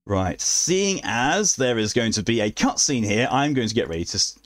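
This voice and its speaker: A man's voice: medium pitch, very animated, normal speed, a bit bright. A man streaming a video game, chatting casually in a rambling, wry way with some swearing. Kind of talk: casual live game commentary and chat. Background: game music.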